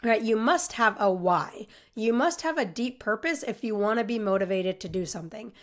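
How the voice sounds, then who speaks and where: A woman with a stuffy, congested voice hosting a motivational podcast, talking in an upbeat, encouraging way with filler words. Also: mid-range voice. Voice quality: nasal and stuffy. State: sick and congested. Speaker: podcast host and coach.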